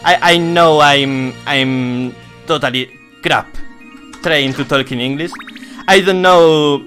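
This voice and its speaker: Slow-talking Spanish man streaming a game. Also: fairly high pitch, fairly bright tone, soft background music. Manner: swearing, self-mocking, halting non-native English. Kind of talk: casual gameplay commentary.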